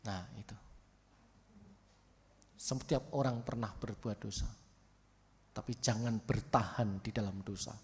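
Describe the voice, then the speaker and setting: A man's voice: fairly low pitch, steady tone, measured pace, long pauses, long reverb tail. A man with a Javanese accent preaching a sermon as pastor, joking and slipping in playful Javanese asides. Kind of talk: sermon with humor. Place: church.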